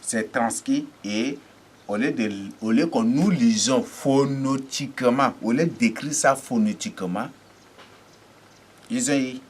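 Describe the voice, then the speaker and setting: A man preaching a teaching sermon, halting and repeating words, often asking rhetorical checks. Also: lowish voice, slight background noise.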